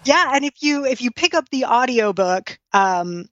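A woman's voice: a little high, lively intonation, normal speed, fairly bright tone, no room sound. A woman chatting casually as an interview guest, self-deprecating, with slightly slurred, slushy sh-like s sounds. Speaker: podcast guest, author and blogger. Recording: dull lo-fi sound.

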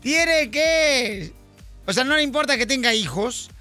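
A man hosting a radio show, playful and teasing in quick banter. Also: very high-pitched, lively intonation, pushed and bright, soft background music. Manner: playful, teasing, punchy delivery.

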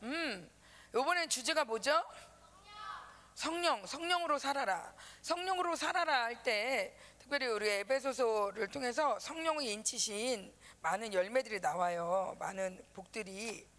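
A pastor's wife telling a lively story to children in a sermon, acting out voices as she goes. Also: on the high side, measured pace. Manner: lively, acts out voices, talks to kids.

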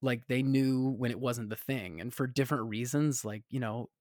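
A man's voice: medium pitch, moderate pace, darkish tone, no echo, clean studio sound. A man raised in the American South, telling stories in a casual chat, full of fillers and restarts. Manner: rambling with many fillers and restarts.

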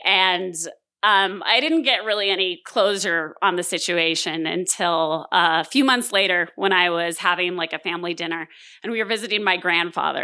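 On stage, a Southern California woman in her thirties delivers a true-story monologue with plenty of fillers and a frank, self-mocking tone. She speaks in a lowish voice that sounds pushed and bright.

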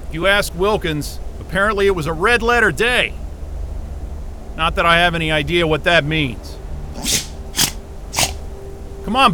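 In a naturalistic audio drama, an actor plays a weary, disgruntled astrophysicist talking to his dog and muttering sardonic, profane asides. His male voice is high, pushed and bright, with noise around him.

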